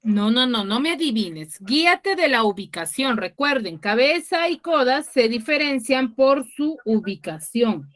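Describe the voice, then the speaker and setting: Woman teacher, online class over a video call, high voice, slow pace. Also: lively intonation, fairly bright tone. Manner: quizzing students, explains patiently.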